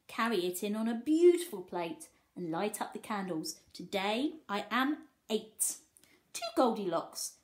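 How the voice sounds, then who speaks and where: A woman whose voice is on the high side reads a picture book expressively to young children, pausing now and then to explain and ask them simple questions as a teacher might.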